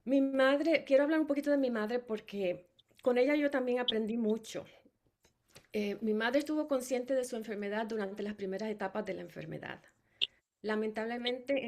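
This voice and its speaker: Sharing her story as a family caregiver, a middle-aged woman from Puerto Rico talks with a Puerto Rican Spanish accent, often restarting and using fillers. Her voice is medium-pitched and a little mellow.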